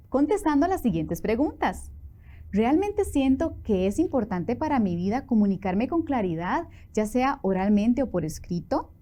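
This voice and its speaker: On a TV class for children, a Costa Rican-accented woman with a fairly high pitch asks questions and encourages her young viewers in a lively manner.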